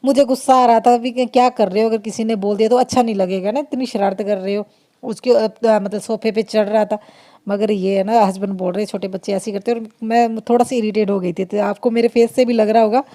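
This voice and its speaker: A woman's voice: mid-range voice, steady tone, a little fast, mellow. A woman vlogger and mother chatting through a casual voice-over of her family video, laughing often and restarting her sentences.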